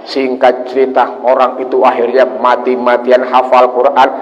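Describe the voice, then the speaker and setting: A man preaches to a congregation and tells a story with animated delivery, jumping high and loud when he takes on the characters' voices. His medium-pitched voice rings out with the long reverb of a mosque hall. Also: normal speed, lo-fi sound. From Indonesia. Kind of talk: sermon storytelling.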